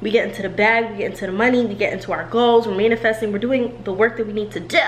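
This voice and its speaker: Talking very fast with a medium pitch and fairly even intonation, this twenty-something vlogger holds her camera at arm's length indoors at home. Her chat is upbeat, slangy, and full of laughter, with slight background noise.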